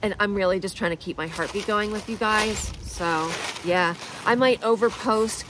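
A woman's voice: mid-range voice, normal speed, noisy background. A woman in her thirties talking through an emotional personal vlog, rambling and self-deprecating, close to tears. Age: 30s. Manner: rambling, tearful, self-deprecating, with nervous laughs. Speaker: vlogger.

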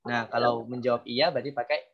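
A man teaching an online language class, prompting students and explaining grammar in a relaxed, encouraging way. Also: medium pitch, fast talker, gravelly, highs cut off, very noisy.

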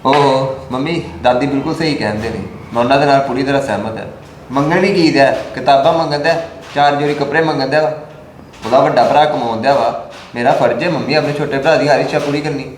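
An actor playing a young adult elder son who earns money and placates his mother in a family drama, speaking in a reasoning, calming way. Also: medium pitch, fast talker, lightly acted. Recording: echoey room with clear noise.

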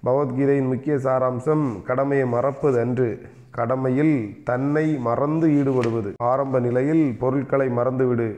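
A man teaching an exam revision lecture, reading notes aloud and slowly repeating the key terms. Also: mid-range voice, steady tone, darkish tone.

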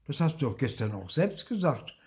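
A man's voice: mid-range voice, very animated, fairly quick, darkish tone, voice pushed up, close to an everyday voice. An older man voicing a playful father who teases his son with mock regret. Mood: teasing.

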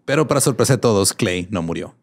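A man's voice: on the low side, animated, fast. A man with a Mexican Spanish accent co-hosting a casual comedy history podcast, reading quotes aloud and laughing often. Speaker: podcast co-host telling a history story.

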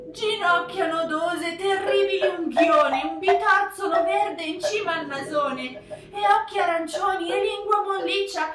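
A woman narrating a rhyming children's storybook in a lively, rhythmic way. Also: high voice, noisy background. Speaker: children's book reader. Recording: roomy echo from a distant mic. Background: music.

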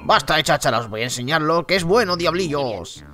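A man voicing a sinister masked male yokai boss in a video game, with a low, taunting voice. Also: animated, brisk, sharp tone. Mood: menacing.

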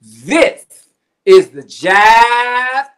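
This middle-aged man is demonstrating a recipe over a video call from his kitchen at home, picked up by his webcam. He's a cooking show contestant who loves slang and puns, and his very high, slightly bright voice has a sing-song lilt and moves extremely slowly.

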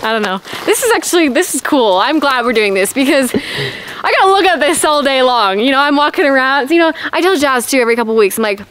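Giggly high-voiced woman on a cabin tour. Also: lively intonation, a little fast, fairly bright tone, a little hiss or hum. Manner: giggly, self-deprecating, laughs often. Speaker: vlogger. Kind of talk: casual walking home tour. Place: outdoors at a forest cabin homestead. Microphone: handheld camera at arm's length.

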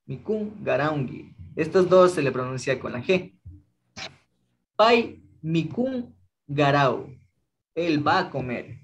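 Patient young man drilling phrases. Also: a little high. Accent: Ecuadorian Spanish. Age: young adult. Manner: patient, slow drilling of phrases, checks in with frequent "¿sí?". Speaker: language teacher. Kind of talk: online language class.

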